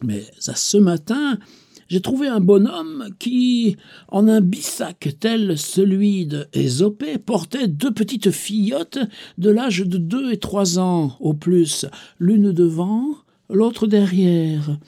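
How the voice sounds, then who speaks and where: Guy doing a sly boastful rogue, deeper, slow and dark. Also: lively intonation, vocal fry, heavily acted. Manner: boastful, confiding. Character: boastful bawdy male rogue, sly and bragging.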